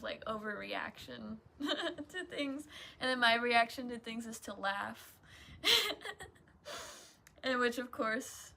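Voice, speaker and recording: Young stoner girl rambling casually, higher voice, real slow n giggly, drifts off, bit of noise behind her. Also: bright, forceful tone. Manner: giggly, often breaking into laughter. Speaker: vlogger. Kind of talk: casual rambling solo chat.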